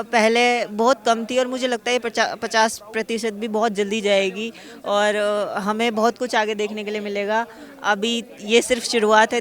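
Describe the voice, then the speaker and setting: A young woman athlete from Uttar Pradesh answers a reporter's questions at an outdoor awards event. She talks fast and earnestly, keen to share her views, in a mid-pitched voice. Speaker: athlete being interviewed. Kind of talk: on-the-spot news interview.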